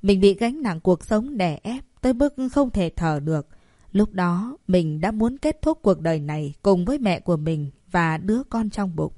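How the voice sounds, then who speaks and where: A woman's voice: lowish voice, animated, normal speed, mellow, dry recording, studio quality. A woman voicing a tearful, grateful young mother in a narrated story. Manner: choked, tearful.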